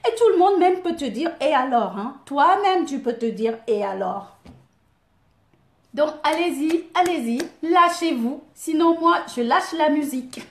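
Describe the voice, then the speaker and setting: A woman's voice: high-pitched, animated, normal speed, few pauses, reverberant. A woman with an African French accent hosts a casual live video as a coach, chatting to viewers by name, laughing and poking fun at herself. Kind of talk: casual live stream chat.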